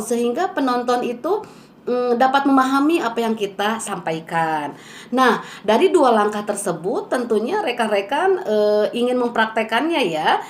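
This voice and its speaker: A woman's voice: fairly high pitch, roomy sound, a little hiss or hum. A woman teaching how to read poetry aloud, explaining step by step with patient rhetorical questions and frequent "eh" fillers. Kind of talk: poetry reading lesson.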